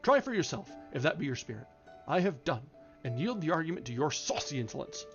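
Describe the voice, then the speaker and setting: A man voicing an imperious, sharp-tongued married woman from a novel, speaking in haughty, emphatic declamation. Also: on the high side, big pitch swings, brisk, highs cut off, soft background music. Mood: cold scorn.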